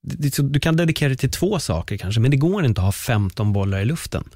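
A young man hosting a podcast, telling a story in lively casual chat and swearing freely. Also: medium pitch, dry recording, clean studio sound. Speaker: podcast host.

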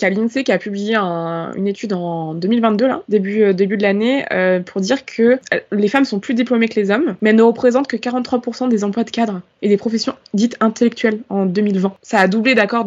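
A woman's voice: mid-range voice, a little mellow. A young woman in her twenties hosting a casual podcast discussion, chatty with many fillers. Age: 20s. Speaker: podcast host. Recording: slightly muffled audio.

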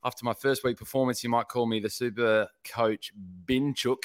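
A man's voice: medium pitch, flat delivery, normal speed. An Australian man co-hosting a sports podcast in casual, chatty style. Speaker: podcast co-host.

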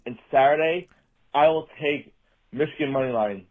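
A man's voice played back from a voicemail sounds tinny and narrow, like it came over a phone line. He rambles in a casual, exasperated way and swears freely. His voice sits a little higher than most men's. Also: moderate pace. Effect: played voicemail message. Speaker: voicemail caller. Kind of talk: casual rant.

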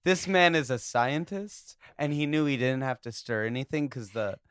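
A man's voice: medium pitch, expressive, normal speed, fairly bright tone, clear, resonant tone, no room sound. A man guest on a podcast, joking in playful, slangy banter. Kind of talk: casual chat.

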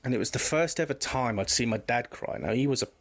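A man's voice: mid-range voice, animated, fast talker, gravelly. Guy, 30s, telling his story straight, lots of restarts, mid voice. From England. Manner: candid, rambling with restarts. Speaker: guest. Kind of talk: personal storytelling in conversation.

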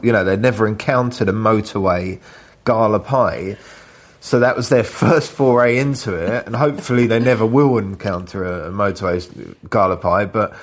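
A man, a chef, chatting casually in an interview with lots of fillers and tag questions. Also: fairly low pitch. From Britain. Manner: relaxed, rambling, with frequent fillers and tag questions. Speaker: chef and cookbook author.

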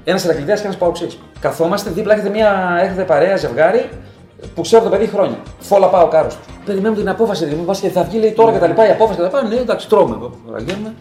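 A man guesting on a casual podcast, telling football stories with sudden swings between hushed asides and loud bursts. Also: high voice, animated, reverberant, soft background music. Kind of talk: casual banter about football.

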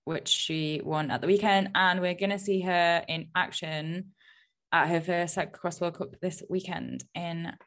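A woman's voice: fairly low pitch, steady tone, unhurried, a bit bright. A woman hosting a podcast in casual chat, chatty and self-deprecating, with plenty of ums. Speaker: podcast host.

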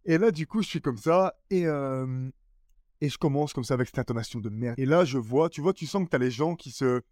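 A man with a Belgian French accent, a comedian telling stories about his stage flops in a casual podcast chat, self-mocking and animated. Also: medium pitch, brisk, no echo, studio quality. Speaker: guest comedian.

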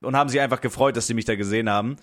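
A man's voice: mid-range voice, very fast, fairly bright tone. A young man co-hosting a podcast in casual chat, joking with crude slang. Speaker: podcast co-host.

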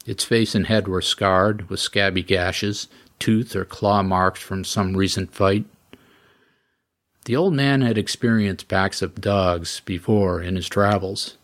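Guy reading his own story out loud, deep-ish voice, steady and measured. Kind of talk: scripted narration of a story.

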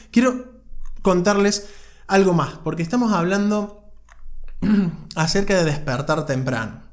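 A man co-hosting a podcast, giving an earnest motivational talk and telling a story, speaking directly to the listener with frequent restarts. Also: fairly high pitch. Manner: frequent restarts and repeated words. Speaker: podcast co-host.

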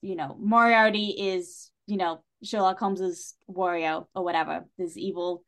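In a relaxed conversation about literature, a woman guesting on a podcast speaks in a lowish voice at a moderate pace with fairly even intonation. A writer and director, she's talkative and opinionated about stories and often emphasizes her points.

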